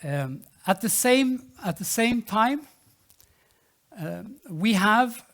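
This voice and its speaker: A startup founder giving a business pitch and answering questions, in a halting way that repeats and restarts phrases. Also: lively intonation, fairly bright tone.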